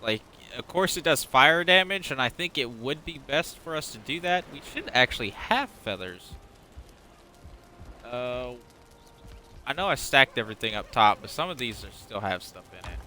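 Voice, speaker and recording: A man's voice: mid-range voice, sing-song, moderate pace, bright, forceful tone, slight background noise. A man giving casual, unrehearsed let's-play commentary, rambling, stumbling over words and swearing now and then. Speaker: gaming channel host.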